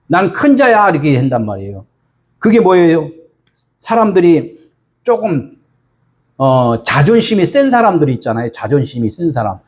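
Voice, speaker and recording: Animated male pastor preaching. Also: fairly high pitch. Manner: asks the congregation rhetorical questions. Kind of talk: sermon.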